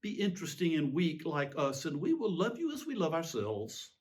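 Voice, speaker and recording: A man acts out a petulant tyrant king in a dramatic monologue, his highish voice swooping widely. He is pompous and indignant, forever justifying himself, and leans on emphatic pauses as he declaims. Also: wildly swooping pitch, darkish tone. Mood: mock pleading. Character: King Herod, petulant, self-justifying male tyrant in exasperation. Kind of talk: theatrical dramatic monologue reading.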